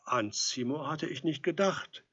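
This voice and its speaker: A man's voice: fairly high pitch, measured pace, fairly bright tone, husky, heavily acted. A man voicing an anxious, timid ordinary man who speaks hesitantly. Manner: hesitant, uneasy. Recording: dull lo-fi recording.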